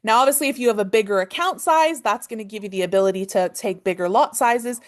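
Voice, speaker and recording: A woman in her thirties with a Canadian accent, teaching a live online trading lesson, talking fast and checking in with "okay?" all the time. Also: medium pitch. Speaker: trading coach.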